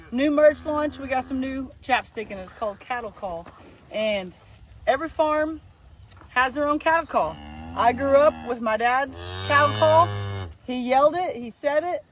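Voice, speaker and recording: A woman co-hosts a farm vlog outdoors, chatting playfully and telling family stories. Her voice is high, and a faint outdoor hiss with animals sits behind her. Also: expressive, a little slow, fairly bright tone, low-quality recording. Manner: playful, chatty, laughs easily. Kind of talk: casual chat and storytelling.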